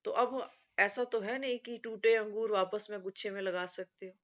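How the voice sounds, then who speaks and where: A woman's voice: mid-range voice, fairly even intonation, moderate pace, a bit bright. A woman giving a devotional talk in a storytelling way, often quoting teachings and adding conversational asides. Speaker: spiritual speaker. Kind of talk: devotional discourse. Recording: muffled lo-fi recording.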